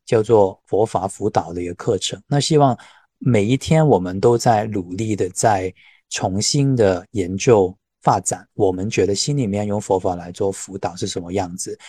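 A man's voice: fairly low pitch, normal speed, mellow, husky, no echo, studio quality. A man from Hong Kong with a Cantonese accent in Mandarin, talking reflectively as a teacher and mixing in English words. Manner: mixes English words into speech. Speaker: Buddhist counselling teacher. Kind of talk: reflective personal talk in a livestream.

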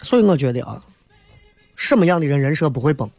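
A talk show host delivers a casual comedic monologue, colloquial and emphatic, often throwing in rhetorical questions. His voice is on the high side but darkish in tone, animated and quick, with no echo and faint music behind.

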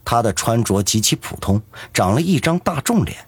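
A man narrating a serialized novel with expressive storytelling. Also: mid-range voice, moderate pace, husky, no room sound, soft background music. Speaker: audiobook narrator.

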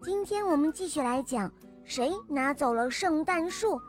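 Woman storyteller for kids, high bright voice, animated reading, light music underneath. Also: moderate pace. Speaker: children's storyteller. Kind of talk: scripted children's story narration.

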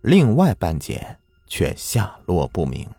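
Male folk-tale narrator, very low and animated, dry close sound. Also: slow pace, vocal fry, slightly rough, no room sound. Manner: dramatic, lilting storytelling. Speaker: storyteller. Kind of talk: folk ghost story narration.

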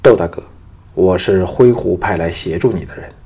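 A man voicing a cunning young male soldier who speaks calmly and curtly in an audiobook. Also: low voice, moderate pace, slightly rough, exaggerated voice.

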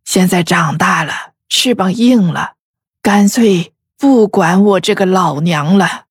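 A woman voicing a grieving old noblewoman who talks slowly and wearily about her wayward son, with sighs. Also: on the low side, dry recording, studio quality. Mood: weary lament. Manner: slow, sighing, weary and breathy. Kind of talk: audiobook character voice.

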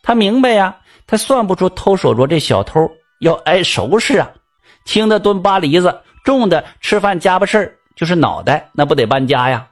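A man's voice: sits high, very animated, normal speed. Folksy Northeastern Mandarin storyteller man. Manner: chatty, folksy asides to the listener. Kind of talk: folk tale storytelling.

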